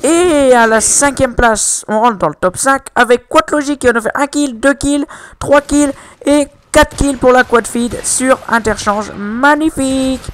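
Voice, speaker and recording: A young man putting on a mock Chinese accent to announce gaming highlights, slow and drawn-out. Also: fairly bright tone. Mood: hyped announcing. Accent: put-on Chinese accent over French. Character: excitable male game-clip commentator with a mock Chinese accent. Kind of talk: gameplay highlight commentary.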